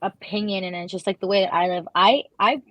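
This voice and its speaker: A woman's voice: medium pitch, brisk, a bit bright, no echo. A woman with a Toronto accent in a casual panel discussion, making points and checking for agreement as she goes. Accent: Toronto Canadian. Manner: conversational, checks agreement with "right".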